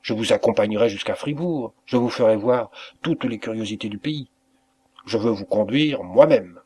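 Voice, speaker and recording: A man's voice: lowish voice, moderate pace, mellow, husky. A man voicing an emotional, grateful innkeeper who speaks in raised, exclamatory bursts. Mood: earnest. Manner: effusive, exclamatory.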